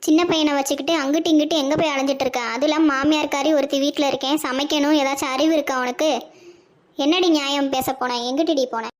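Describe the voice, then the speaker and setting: Old village grandma, scolding and bossy; a woman voices her high. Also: fairly even intonation, quick pace, close to an everyday voice. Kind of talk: cartoon voice acting.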